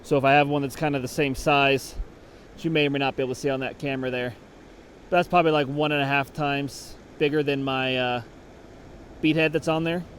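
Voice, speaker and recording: A man's voice: medium pitch, steady tone, fairly quick, a bit bright, slight background noise. A man explaining fly fishing technique while fishing outdoors, talking casually and thinking aloud. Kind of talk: on-the-water instruction. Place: outdoors at a creek.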